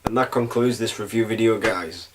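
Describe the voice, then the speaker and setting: A man's voice: on the low side, normal speed, distant mic, music in the background. A young man giving a casual, chatty film review, loose and full of filler phrases. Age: young adult. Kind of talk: casual spoken movie review.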